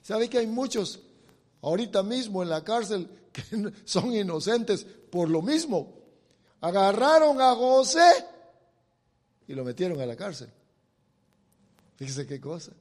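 Middle-aged preacher man, high lively voice, slow and dramatic, echoey hall. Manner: dramatic storytelling with acted quotes, direct address. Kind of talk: sermon.

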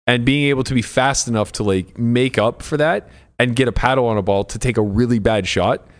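A man's voice: medium pitch, fairly quick. A man co-hosting a podcast, teasing his friends in casual banter and swearing freely. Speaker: podcast co-host.

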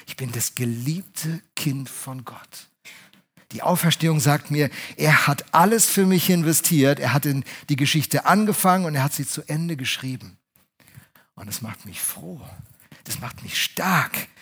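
A man preaching a sermon, speaking straight to his congregation, swinging between loud urging and hushed, soft phrases. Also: on the high side, slightly rough.

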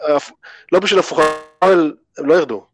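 A man's voice: fairly high pitch, over a noisy crowd. A man co-hosting a casual sports podcast, trading dry, teasing quips. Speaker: podcast co-host.

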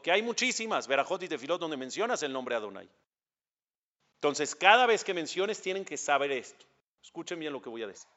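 A man's voice: on the high side, a bit bright, dull audio. A man with a Mexican accent, a rabbi teaching a religious class, who speaks emphatically and puts questions straight to his listeners. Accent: Mexican Spanish.

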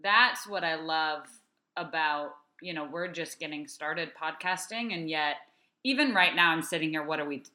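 A woman's voice: sits low, normal speed, pushed and bright. A woman around thirty hosting a podcast, affirming and enthusiastic in casual conversation. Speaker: podcast host. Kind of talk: casual interview chat. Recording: roomy echo.

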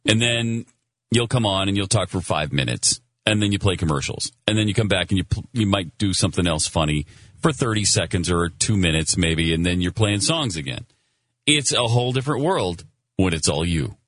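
A man's voice: low-pitched, animated, fairly quick, a bit bright, no room sound. A man co-hosting a talk radio show, bantering casually with mocking, jokey asides.

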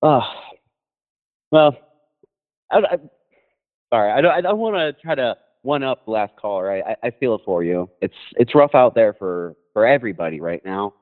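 A man from Colorado calling in to a talk show over the phone, speaking in a hesitant, halting way with many fillers and restarts. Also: medium pitch, expressive. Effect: heard over the phone. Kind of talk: casual call-in chat. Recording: tinny phone line.

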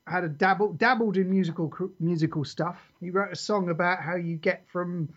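A man's voice: sits high, steady tone, a little fast, a bit bright. Chatty man, lo-fi dull recording, rambling banter. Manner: jokey, rambling, reads lyrics aloud with laughs. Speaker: podcast co-host. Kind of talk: casual chat. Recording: dull lo-fi podcast audio.

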